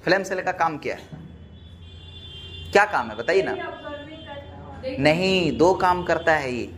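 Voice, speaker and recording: High-voiced male biology teacher. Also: expressive, measured pace, music in the background. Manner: quizzing students with repeated questions; calls students "beta" affectionately. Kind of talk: classroom lecture.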